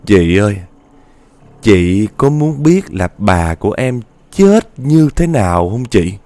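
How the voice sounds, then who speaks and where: A man's voice: fairly low pitch, big pitch swings, slow pace, a little mellow. Man voicing an eerie ghost girl.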